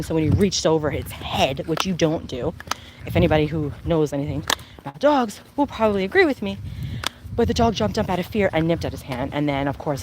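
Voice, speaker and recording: A vlogger and mother with a low voice chats casually on a live stream while walking her dog outdoors, with background noise audible. She rambles and answers viewer comments.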